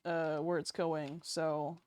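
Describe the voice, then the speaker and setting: A woman's voice: sits low, level tone, takes it slowly, darkish tone, no room sound, clean studio sound. Giggly young woman streamer chatting. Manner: chatty, giggly, swears casually. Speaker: streamer and artist. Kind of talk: casual live-stream chat while drawing.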